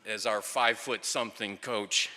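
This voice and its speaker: A man's voice: on the low side, fairly even intonation, moderate pace, sharp tone, a little hiss or hum. A middle-aged man giving a storytelling tribute speech at a ceremony, with wry, dry humour. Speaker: speaker at a ceremony, former player and coach. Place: large hall or venue, speaking to an audience at a microphone. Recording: echoey hall with long reverb.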